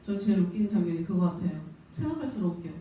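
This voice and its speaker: A middle-aged woman pastor gives a Sunday sermon, talking to her people casually and putting on little voices for the quotes. Her tone is mellow and warm. She is heard from a distance in a very echoey church with a faint hum of room noise. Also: lowish voice, lively intonation, rapid-fire. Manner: conversational preaching, acts out quoted voices. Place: church sanctuary.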